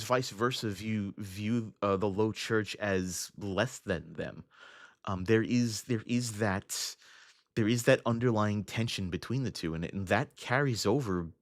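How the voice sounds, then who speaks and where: Reading through comments on his casual livestream, a young adult host replies to chat while thinking aloud, full of fillers and restarts. He has a lowish voice, captured in a clean, dry studio recording with no room sound.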